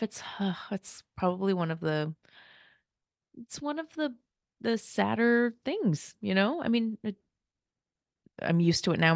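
An American woman in her 40s hosts a podcast, chatting casually and light-heartedly about personal matters and laughing often. Her medium-pitched voice is recorded at studio quality with no echo.

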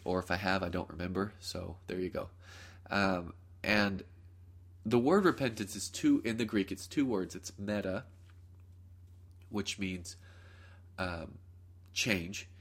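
Male podcast host, lowish voice, nasal from a cold, casual rambling teacher, close mic. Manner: rambling, self-correcting, fillers. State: congested from a cold.

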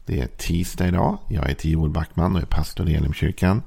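Very deep, gravelly-voiced male pastor. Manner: calm, reflective, with frequent fillers. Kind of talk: devotional sermon with scripture reading.

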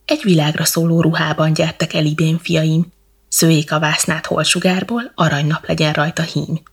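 Weary old king, solemn and stately, gravelly and husky, read by a woman. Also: low-pitched, little pitch movement. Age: older. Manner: stately, measured verse.

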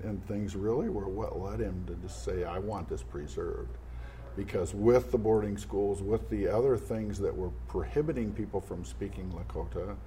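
An interview guest with a low, warm voice tells his family history as conversational storytelling, thoughtful and earnest, frequently backing up to restart phrases while he thinks. A faint hiss lies beneath the recording.

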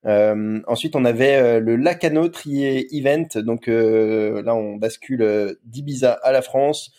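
A man's voice: medium pitch, a little slow, warm tone. A man co-hosting a podcast, talking in a rambling way and repeating words. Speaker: podcast co-host. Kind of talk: casual podcast chat.

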